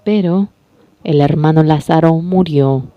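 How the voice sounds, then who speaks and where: A preacher interpreting a sermon, speaking in slow, repetitive phrases with frequent self-corrections. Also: medium pitch, no echo, dull audio.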